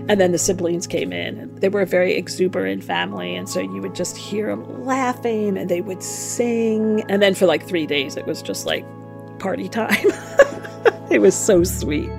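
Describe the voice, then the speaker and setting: A woman's voice: mid-range voice, creaky. A middle-aged woman, a former nun, telling her story frankly and reflectively in an interview.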